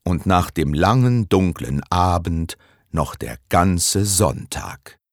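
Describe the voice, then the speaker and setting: A man reading a story aloud in an expressive, deliberate manner. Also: low voice, dry recording, clean studio sound. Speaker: narrator.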